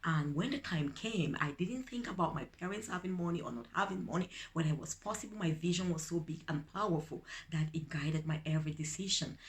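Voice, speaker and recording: A middle-aged woman from Cameroon with a Cameroonian accent, giving an earnest inspirational video message as an empowerment coach, repeating key phrases for emphasis. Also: sits low.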